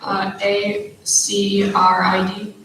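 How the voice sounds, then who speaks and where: A woman acting as a spelling bee pronouncer, reading out each word and its definition in a measured, formal way. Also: medium pitch, completely flat delivery, fairly bright tone, a little hiss or hum. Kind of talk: reading words and definitions aloud. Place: large echoey hall or auditorium. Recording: echoey hall recorded from far off.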